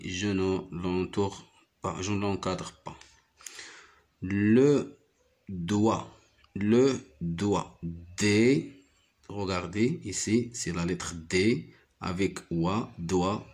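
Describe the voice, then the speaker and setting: A man teaching a primary phonics lesson, patiently repeating each word and syllable. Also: fairly low pitch.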